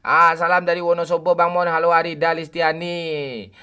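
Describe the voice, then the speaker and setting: This man's voice is fairly high, sharp-toned, and smooth, with a flat delivery at normal speed. In his forties, he livestreams a game at night from a home room, calling out viewers by name and joking and teasing with his chat.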